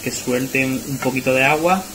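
This cooking demonstration features a chef with a mid-range, fairly bright voice at a moderate pace. He explains the recipe step by step and regularly checks in with his viewers, while the echoey tiled kitchen carries the noise of frying and a sizzling pan.

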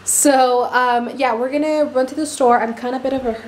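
A young woman chatting excitedly and quickly through a casual makeup vlog at home. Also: high-pitched, a little hiss or hum. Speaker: vlogger.

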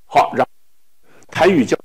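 A man from Taiwan teaching a language class, speaking slowly with many filler tags and repeating words for students to echo. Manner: filler-heavy speech with frequent "hou" tags.

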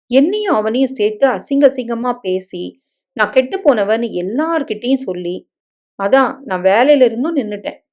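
A woman's voice: medium pitch, a little mellow, natural voice. A woman voicing a shy, hurt young bride in a dramatic story reading, with a pleading, emotional manner.

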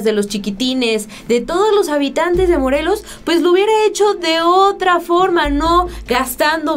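High-voiced young woman, emphatic co-host. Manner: emphatic, scornful. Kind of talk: political commentary chat. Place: small studio with blue backdrop.

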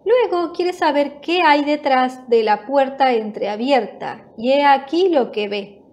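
A woman narrating a children's storybook in a slow, clear, gentle storytelling manner. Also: sits high.

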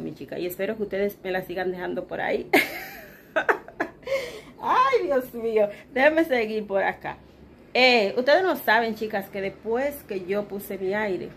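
A woman's voice: medium pitch, slight background noise. Chatty Dominican woman vlogging from home. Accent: Dominican Spanish. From Dominican Republic. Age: adult with children. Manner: chatty, talks straight to her viewers as "chicas" and acts out quoted remarks. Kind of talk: casual chat to viewers. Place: her bedroom at home.

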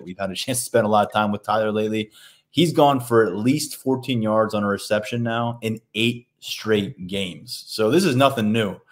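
A man co-hosting a sports podcast as a beat reporter, steadily relaying what players told him after the game. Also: lowish voice. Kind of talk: casual sports podcast analysis.

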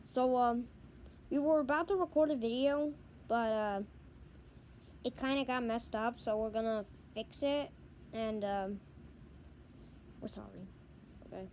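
A woman's voice: a little high, a little slow, long pauses, darkish tone, slight background noise. A woman hosting a reaction video in a casual, hesitant way, full of fillers.

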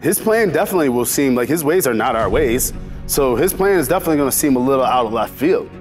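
A man in his forties giving an animated, preacher-like inspirational faith talk, telling stories about his children. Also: mid-range voice, quick pace, faint music behind. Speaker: motivational speaker.

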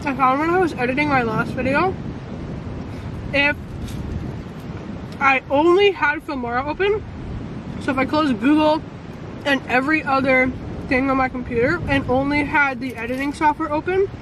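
A woman's voice: high voice, moderate pace, long pauses. A teenage girl chatting casually for a vlog in a parked car, rambling from topic to topic. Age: teens. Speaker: vlogger. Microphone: camera on dashboard. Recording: car with wind noise.

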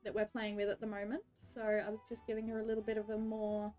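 A woman's voice: medium pitch, completely flat delivery, fast, dark tone, faint music behind. An Australian woman streaming a game, chatting casually with viewers and greeting them with frequent giggles. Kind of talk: casual livestream chat.

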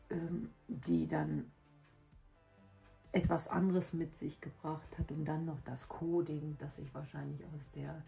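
A woman chatting casually and reflectively to her viewers, hoarse from a lingering cough, her weak voice giving out and breaking into breathy whisper. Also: deep voice, dark tone. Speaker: hobby video host. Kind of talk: casual personal chat to viewers.

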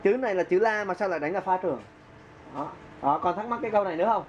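Talking rapid-fire in a high voice, a man teaches keyboard casually, counting out beats and humming tunes while playing. The audio has its highs cut off and slight background noise beneath the keyboard.

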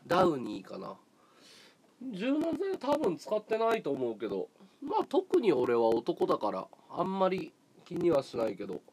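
A man hosting a livestream, chatting casually with viewers in a relaxed way, often chuckling and thinking aloud. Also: a little high, normal speed, a little hiss or hum. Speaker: livestream host.

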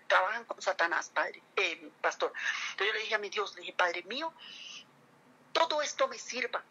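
A middle-aged church member gives an earnest, emotional religious testimony to a pastor, turning back to him often as she pours it out. Her voice is on the low side yet bright and sharp-edged, with a husky rasp and gravelly fry at phrase ends, in a rough recording.

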